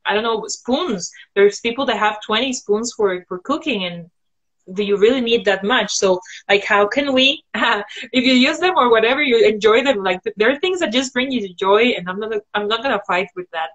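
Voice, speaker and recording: A woman guest on a video call from home, giving advice in a thoughtful, halting way with frequent fillers. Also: a little high, fairly bright tone, highs cut off. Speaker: guest sharing sustainability tips. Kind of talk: casual video-call interview. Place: indoors at home.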